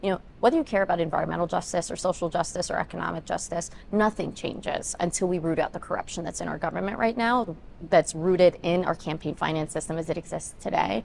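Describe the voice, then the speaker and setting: Twenties woman, political candidate, low creaky delivery, earnest long answers, faint background noise. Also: quick pace, a little mellow. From Ethiopia, raised in Denver. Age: 20s. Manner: earnest, talks in long run-on points with many ums. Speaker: congressional candidate.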